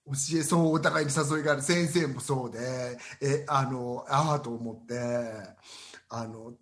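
A man chats casually as a podcast co-host. His voice sits at a middling pitch, and he talks in an animated way, drifting into asides. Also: unhurried. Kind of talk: casual chat.

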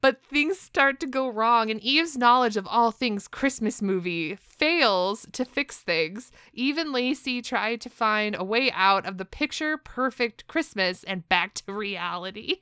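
A woman's voice: fairly high pitch, animated, a little slow, few pauses, pushed and bright, clear, resonant tone, no room sound, clean studio sound. A woman co-hosting a podcast, chatting casually and animatedly, with lots of laughter and fillers. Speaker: podcast co-host. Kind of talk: casual chat.

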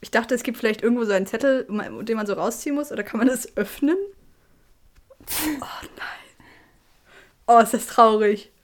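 A woman's voice: fairly high pitch, fast, hardly any pauses. A young woman from Switzerland co-hosting a podcast, chatting casually with friends and rambling with laughs. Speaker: podcast co-host. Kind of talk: casual chat.

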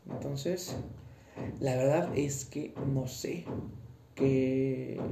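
A young man with a Mexican accent talks through his solo podcast in a chatty, halting way, padding his sentences with fillers. His voice is very dark and mellow. The room is echoey, with a faint hum of noise behind him. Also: medium pitch. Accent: Mexican Spanish. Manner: chatty, hesitant, full of fillers. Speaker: podcast host, singing student. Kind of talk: casual solo podcast talk.

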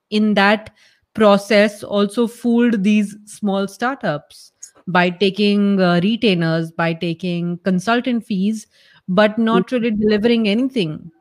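A woman with a North Indian accent giving conversational interview answers, explaining her points emphatically and restating them in parallel phrases. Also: medium pitch. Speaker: startup founder, interview guest.

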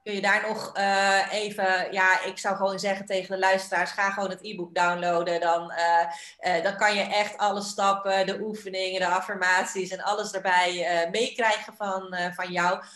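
A woman's voice: mid-range voice, little pitch movement, normal speed, a bit bright. Hesitant woman host in a roomy echo. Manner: hesitant, many fillers. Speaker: podcast host. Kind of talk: podcast interview.

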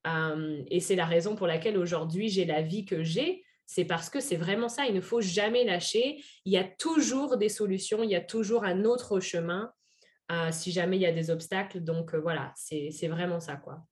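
A woman's voice: lowish voice, moderate pace. A woman from France with a French accent touched by Québécois, an earnest podcast guest who talks with many fillers and restarts. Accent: French, picked up some Québécois. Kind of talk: casual podcast interview.

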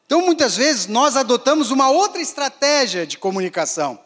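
A high-pitched man preaches to a gathering, his voice ringing with a long hall echo. He swings dramatically between raised, emphatic lines and hushed, drawn-back ones. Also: big pitch swings, fairly quick. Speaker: pastor. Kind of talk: sermon.

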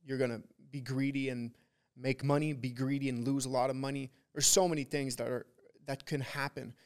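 Clear and resonant with a darkish tone, this medium-pitched man speaks a little fast with little pitch movement. A trader running a trading community, he's a guest on a motivational podcast, giving an emphatic, preachy pep talk in frat-bro style, full of bro, dude, and swearing, with points repeated for emphasis.

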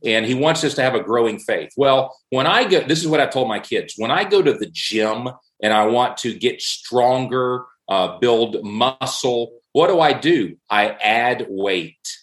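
A man's voice: mid-range voice, lively intonation, normal speed, few pauses. A middle-aged man in a casual faith discussion, telling stories earnestly and repeating key phrases for emphasis. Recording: roomy echo.

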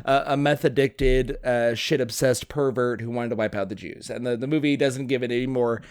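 A man's voice: mid-range voice, fairly even intonation, moderate pace, smooth, dry recording. A man co-hosting a podcast, recapping a film plot in casual chat with a wry, profane humor. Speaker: podcast co-host.

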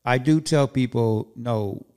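A man's voice: mid-range voice, slow pace, a little mellow, smooth. A man in his forties hosting a podcast, giving candid, casual advice and swearing now and then. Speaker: podcast host. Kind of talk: casual chat.

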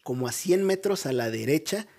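A man with a Mexican accent in casual conversation, telling a mystery story in a lively way, full of slang and rhetorical questions. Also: fairly high pitch, moderate pace. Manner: animated, drops "güey" constantly, rhetorical questions.

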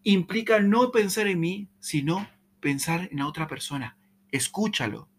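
A man giving a motivational talk on communication, checking in often with "¿sí?", repeating and stumbling over words, with dramatic swings in pitch. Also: normal speed, slight background noise. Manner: repeats "¿sí?" to the audience, animated. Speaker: speaker on communication.

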